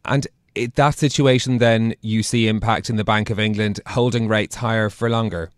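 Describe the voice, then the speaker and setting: A man's voice: on the low side, fairly even intonation, moderate pace, smooth, no echo. A man presenting and interviewing as a broadcast news anchor.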